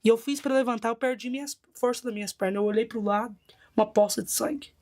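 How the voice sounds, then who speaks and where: A woman's voice: a little high, quick pace, darkish tone. A woman with a Brazilian Portuguese accent, a bishop giving a personal testimony in a vivid, dramatic storytelling manner.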